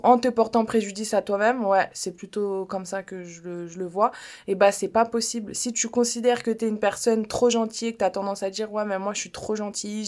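Woman doing her podcast, casual blunt self-help chat, joking around, middle pitch. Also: a little mellow. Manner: chatty, blunt and playful, slips in joking foreign-accent bits. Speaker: podcast host.

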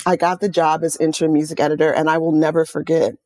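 With a deep voice and a quick pace, this middle-aged Oakland woman, an author and music journalist, shares stories in a conversational interview. Her delivery is enthusiastic and animated, with quoted asides. There's no room sound.

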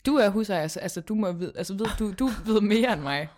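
A woman's voice: mid-range voice, expressive, a little mellow. A woman chatting casually and emphatically as a podcast host. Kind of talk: casual gossip chat.

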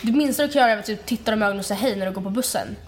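A young adult woman co-hosting a podcast in casual chat, talking frankly with lots of fillers and the odd swear word. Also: mid-range voice. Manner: chatty, frank, swears freely, many fillers. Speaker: podcast co-host.

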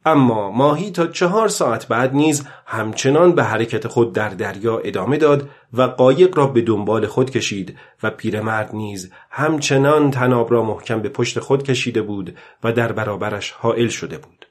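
A man giving a calm, measured scripted narration of a novel as an audiobook. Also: mid-range voice.

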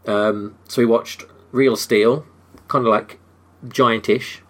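A man's voice: medium pitch, steady tone, takes it slowly, a bit bright. A man hosting a casual podcast, laughing easily and making dry jokes. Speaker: podcast host.

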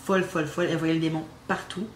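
A young woman with a Québécois accent, casually telling an animated ghost story on a podcast. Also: low voice, rapid-fire. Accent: Québécois French. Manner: animated storyteller, teasing suspense. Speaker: guest telling her story. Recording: roomy with faint ambient noise.

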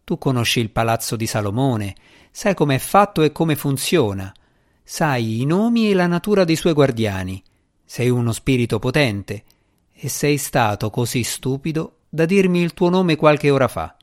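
A determined young woman, stern and pressing, who gives orders without softening, as a male audiobook reader puts her on. The voice stays mid-pitched and close to his own. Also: big pitch swings, moderate pace, close to an everyday voice. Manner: firm, pressing delivery. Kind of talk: audiobook character reading.

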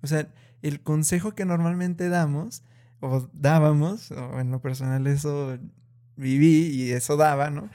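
A man in casual conversation who talks slowly and thoughtfully and raises his voice to act out scolding parents. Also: fairly high pitch, steady tone, mellow. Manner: slow and deliberate, many fillers.

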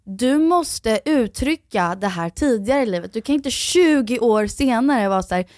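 A young adult woman in casual chat, an animated storyteller who acts out what others said. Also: a little high, dry recording, clean studio sound. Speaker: podcast co-host.

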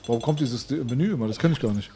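A man's voice: mid-range voice, very fast, warm tone. A young man playing a fighting game with friends, teasing them in slangy banter. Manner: slangy, teasing, calls others bro. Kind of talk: casual gaming banter. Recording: game music in background.

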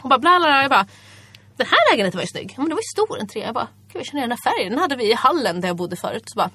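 Animated young woman telling stories. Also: fairly high pitch, husky, dry recording. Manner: animated anecdotes acting out her own past lines. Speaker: podcast host. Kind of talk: casual chat, storytelling.

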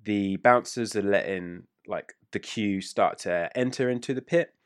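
A man narrating a tabletop game as game master, in a relaxed, rambling way. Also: lowish voice, measured pace, clean tone, dry recording, clean studio sound. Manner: relaxed, rambling description with fillers.

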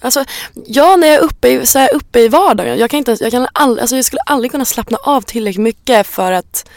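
A young woman co-hosting a podcast in casual chat, talking fast and loose with lots of fillers, restarts and swearing. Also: on the high side, animated, no echo, clean studio sound. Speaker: podcast co-host.

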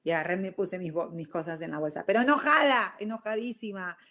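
Animated Rioplatense-accented woman telling a story. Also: fairly low pitch, brisk. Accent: Rioplatense Spanish. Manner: animated, slips into English words. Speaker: show host. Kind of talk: casual storytelling monologue.

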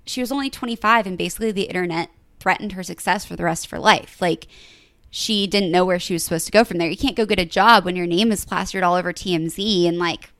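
A woman's voice: lowish voice, quick pace, a bit bright, no echo. Young woman podcast co-host, chatty storyteller, lots of "like", dry closely miked sound. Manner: chatty, fills speech with "like". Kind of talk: casual chat, retelling a story.

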